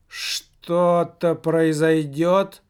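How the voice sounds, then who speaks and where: A man voicing a solemn, commanding male séance medium who speaks in a droning, detached monotone. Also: fairly high pitch, extremely slow, clear, resonant tone, pitched above the performer's own voice. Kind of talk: audiobook character voice.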